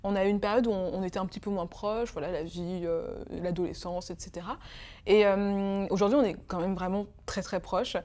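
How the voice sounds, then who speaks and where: Speaking fairly quickly in a warm, steady, mid-range voice, a Congolese woman in her twenties is a guest in an emotional interview. She hesitates often, filling pauses and restarting her sentences.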